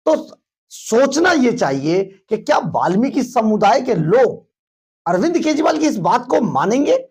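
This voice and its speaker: A male news reporter giving emphatic, opinionated on-the-spot political commentary, with hesitations, in a husky voice. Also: very high-pitched, very animated, unhurried, darkish tone.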